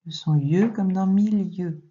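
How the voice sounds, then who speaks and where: Slow, patient woman teacher, dark voice. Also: lowish voice, dull audio. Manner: slow, clear, patient, addresses the child directly. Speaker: primary school teacher. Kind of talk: recorded reading lesson and dictation for young children.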